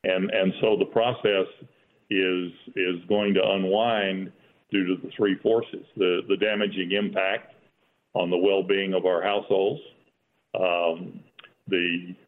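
A man with a low voice and flat intonation speaks as an economics expert in an interview. He is measured and halting, often repeating words, on a slightly muffled recording. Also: slight background noise. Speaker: economist guest.

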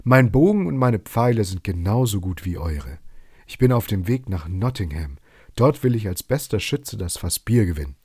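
A man's voice: on the low side, lively intonation, normal speed, a little mellow, breathy edge, no echo, studio quality. A man voicing a hot-tempered eighteen-year-old archer with defiant, boastful retorts in a storybook reading. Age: young adult.

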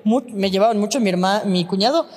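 A woman's voice: medium pitch, fast talker, darkish tone, in a large hall. An Ecuadorian woman co-hosting a podcast in casual, teasing chat, laughing often. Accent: Ecuadorian Spanish. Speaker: podcast co-host.

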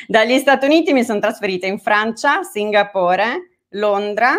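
A woman's voice: mid-range voice, expressive, normal speed. A woman from Italy chatting casually and jokingly as an interview guest, poking fun at herself. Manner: joking, self-mocking. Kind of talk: casual online interview chat. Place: at home.

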